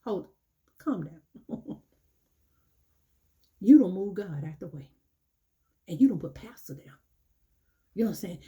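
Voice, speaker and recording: A woman's voice: mid-range voice, lively intonation, a little slow, long pauses, dark tone. A woman preaching an informal sermon, scolding her listeners and repeatedly asking "you know what I'm saying". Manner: acts out quoted churchgoers in dialogue.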